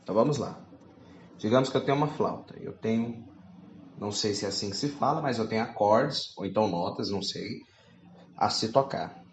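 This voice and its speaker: A man's voice: lowish voice, fairly quick, echoey room, slight background noise. A man preaching a teaching sermon, reading scripture aloud and asking his listeners rhetorical questions.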